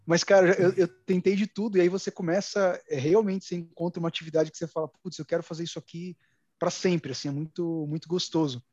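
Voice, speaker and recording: 30s guy hosting a podcast, bit high voice, lots of ums, dull dry sound. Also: fairly even intonation, quick pace, a little mellow, no echo. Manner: hesitant, many fillers and restarts, friendly. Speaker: podcast host. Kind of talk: casual podcast chat.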